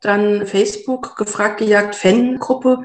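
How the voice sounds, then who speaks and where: A woman's voice: mid-range voice, fairly even intonation, takes it slowly, echoey room. A woman chatting casually as a hobby quiz player. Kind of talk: casual chat.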